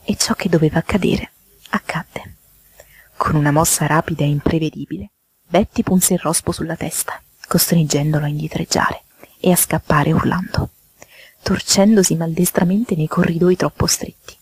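A woman reading a children's fairy tale aloud in a soft, half-whispered way. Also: sits low, normal speed, breathy edge. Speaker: storyteller.

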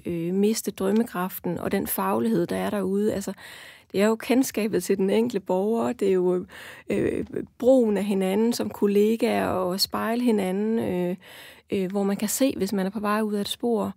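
A woman researcher talking through her point in a panel discussion, pausing and restarting often. Her voice is mellow and gravelly, with a lot of fry. The sound is dry and close. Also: mid-range voice, steady tone, dry recording. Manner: hesitant, many fillers and restarts while explaining.

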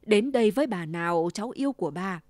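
A woman's voice: mid-range voice, expressive, fast, darkish tone, dry recording, clean studio sound, close to an everyday voice. Woman voicing a sly greedy old wolf. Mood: falsely sweet. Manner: growling, and fakes a sweet old grandma voice. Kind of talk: storybook reading.

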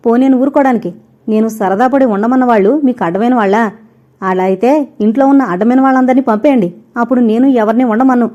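A woman voicing a defiant young daughter-in-law who shouts rapidly and relentlessly, in a dull lo-fi recording. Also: fairly high pitch, close to an everyday voice. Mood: furious.

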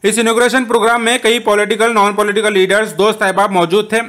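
A man reading a local news voice-over report, listing dishes in a brisk report tone. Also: high voice, flat delivery, fairly bright tone.

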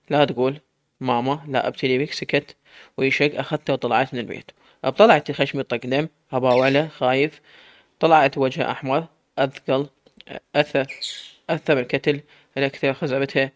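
A man with an Iraqi Arabic accent telling a dramatic first-person story, intense and emotional, with shouting outbursts. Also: medium pitch, dry recording.

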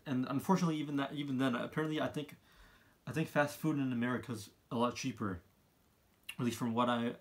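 A man, giving his opinions in a casual monologue, halting and often repeating himself as he rambles. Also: mid-range voice. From Canada. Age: 20s. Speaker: vlogger, college student. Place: small room indoors, seated by a wall.

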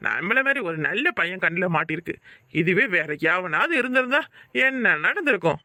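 A man's voice: high voice, big pitch swings, normal speed, sharp tone, no echo, full character voice. A man with a southern Tamil Nadu accent voicing a kind-hearted young bachelor who frets and mutters to himself. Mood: fretful. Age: young adult. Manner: talking to himself, fretful asides. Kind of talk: cartoon voice acting.

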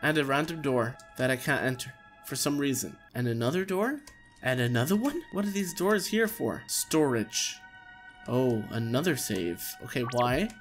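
A man's voice: mid-range voice, lively intonation, normal speed. A man in his thirties giving casual, jokey gameplay commentary, talking to himself on a close microphone. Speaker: let's player. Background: game music.

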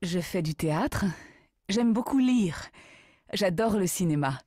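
Female teacher contestant in her 30s, lower pitch. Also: expressive, measured pace, warm tone, no room sound, clean studio sound. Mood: friendly.

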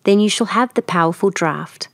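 A woman's voice: medium pitch, normal speed, no room sound, clean studio sound, close to an everyday voice. A woman voicing a cruel, scheming old sea witch in a storybook reading, mocking and menacing.

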